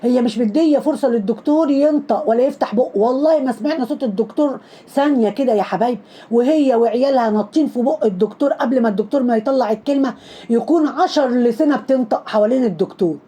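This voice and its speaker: Racing through her lines, this Egyptian-accented social media commentator mocks trending videos in a high, husky voice with a dark, mellow tone. She scolds relentlessly and repeats herself heavily to land every jab. The pace stays quick throughout her sarcastic takes.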